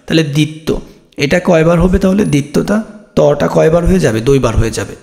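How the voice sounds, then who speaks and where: A man's voice: fairly high pitch, lively intonation, quick pace, gravelly, darkish tone. A man teaching an exam-prep grammar lesson, explaining step by step and answering his own questions.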